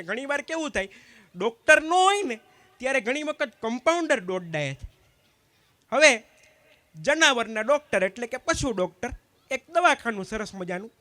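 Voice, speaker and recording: A man telling stand-up jokes to a community gathering, swapping quickly between the sides of each dialogue. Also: very high-pitched, pushed and bright, no echo. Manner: quick anecdotal storytelling, acting out both sides of each exchange. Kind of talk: live stand-up joke telling.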